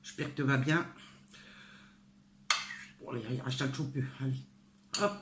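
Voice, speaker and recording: A woman's voice: rumbling low, moderate pace, background noise. An older woman from northern France giving a casual cooking tutorial in her home kitchen. She talks straight to the viewer in a homely, chatty way, hesitating often with fillers. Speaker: home cook. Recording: echoey kitchen with clattering dishes. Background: clinking cutlery, pots and dishes.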